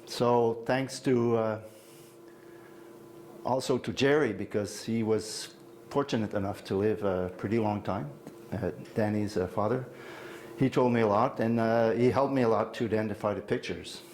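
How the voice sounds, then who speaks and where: A man's voice: on the low side, moderate pace, darkish tone, slight background noise. A retired older man from Quebec City giving an informal talk on genealogy, rambling with personal asides and frequent fillers. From Quebec City, Canada. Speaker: guest speaker on family genealogy. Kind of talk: informal lecture. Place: meeting hall with an audience.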